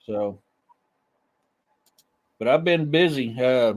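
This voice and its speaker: A man co-hosting a podcast, talking casually in an informal, halting way. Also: medium pitch, lively intonation. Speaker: podcast co-host. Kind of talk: casual chat.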